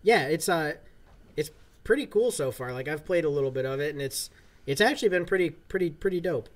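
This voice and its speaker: Broadcasting from a gaming room at home, a man in his thirties keeps up laid-back, rambling chat as he plays, sprinkling in many fillers. He sounds fairly quick and expressive, with a voice on the high side.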